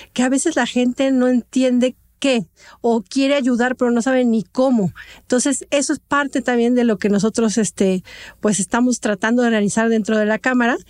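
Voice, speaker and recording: Earnest woman, slightly high voice. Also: darkish tone, no room sound, studio quality. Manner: conversational, filler-heavy, earnest. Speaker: guest, marketing director. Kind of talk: interview answers.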